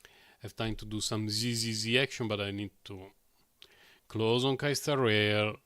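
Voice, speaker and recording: A man's voice: lowish voice, steady tone, unhurried, fairly bright tone, clean tone. A man chatting casually while live-streaming video games, rambling and often chuckling to himself. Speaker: game streamer.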